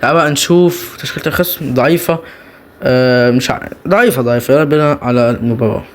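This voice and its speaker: A young man with an Egyptian accent, hosting a gaming channel and giving excited live commentary as he plays, cheering his players on. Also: mid-range voice, quick pace. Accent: Egyptian Arabic.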